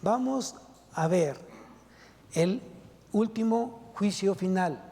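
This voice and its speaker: Slow and gravelly, though high-pitched and mellow, a male pastor's voice fills the church sanctuary as he preaches. He hammers his congregation with forceful rhetorical questions while the hall's long reverb rings around him.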